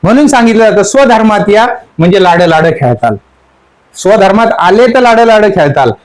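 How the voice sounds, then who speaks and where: A man with a high-pitched voice gives a sermon, teaching through the words of a song. He repeats the same line over and over and keeps asking his listeners what it means. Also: animated, normal speed, rough recording. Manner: asks the audience question after question. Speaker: spiritual teacher. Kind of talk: sermon explaining song lyrics.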